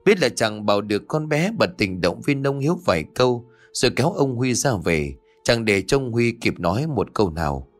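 A man's voice: medium pitch, big pitch swings, a little fast, hardly any pauses. A man narrating a ghost story in a dramatic, scripted storytelling manner. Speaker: audiobook narrator. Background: faint music.

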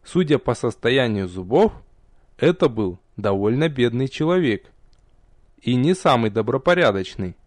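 A man narrating a first-person fantasy audiobook with a lively, expressive reading. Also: medium pitch, unhurried, no room sound, clean studio sound.

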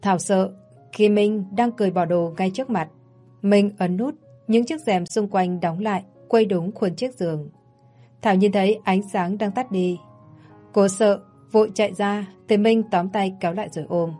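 A woman narrating a romance story in an even, steady storytelling voice. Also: medium pitch, moderate pace. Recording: faint background music.

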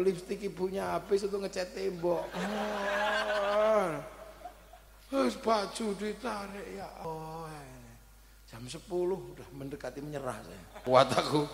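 A man in his thirties telling a humorous family story, acting out quoted people in a low voice. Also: slight background noise. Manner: animated, acts out quotes in a low voice. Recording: echoey hall, long reverb.

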